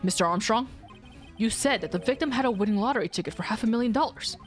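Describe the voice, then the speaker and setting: Female let's player, high-pitched and animated, expressive dialogue reading, casual asides, music behind. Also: fast talker. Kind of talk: casual game playthrough with dramatic dialogue reading.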